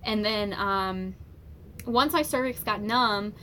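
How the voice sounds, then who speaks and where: Young woman vlogger, bright voice, casual storytelling with lots of fillers. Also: mid-range voice, takes it slowly, slight background noise. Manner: chatty, many fillers, animated retelling.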